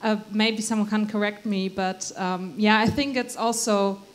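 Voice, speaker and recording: A woman's voice: mid-range voice, steady tone, moderate pace. A woman from Germany, a researcher adding to a conference panel answer, hesitant with many fillers.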